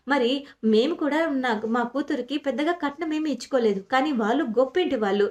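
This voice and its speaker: High-voiced woman retelling a serial. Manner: storytelling with frequent fillers and restarts. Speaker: serial recap narrator. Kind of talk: retelling a TV serial episode, voicing the quoted lines.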